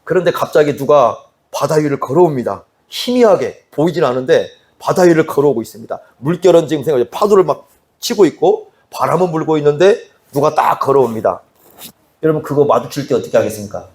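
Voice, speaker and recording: A man's voice: a little high, expressive, a little fast, a little mellow. A male pastor preaching an expository sermon in a conversational way, often asking the congregation questions. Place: church sanctuary.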